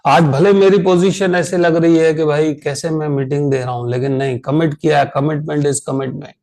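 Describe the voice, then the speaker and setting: An Indian man leading an online insurance sales training, tired after a long meeting, speaking slowly and repeating key phrases for emphasis. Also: on the high side, fairly even intonation, darkish tone, low-quality recording.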